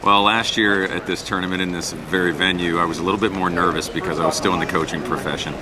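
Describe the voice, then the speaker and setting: A man's voice: low voice, fairly even intonation, fast talker, a loud crowd. A middle-aged man answering interview questions in an earnest, conversational way as a sports announcer and former coach.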